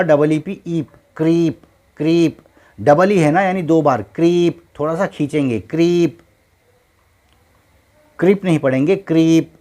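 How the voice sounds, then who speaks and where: A man's voice: on the high side, a little mellow. A man teaching English phonics, spelling out letters and sounding out each word, then repeating it patiently several times.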